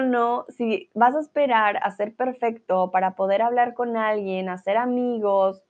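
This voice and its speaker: A woman with a fairly high voice teaches a live online language lesson, encouraging and reassuring her viewers. She laughs often as she answers their comments. The stream audio sounds dull and lo-fi.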